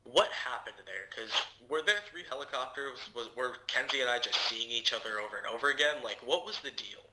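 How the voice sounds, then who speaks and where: Male gamer, mid-range voice, informal and excitable crew chatter, clear vehicle noise in background. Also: mid-range voice, a little fast. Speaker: military game player in a helicopter crew. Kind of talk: casual team chat in a game.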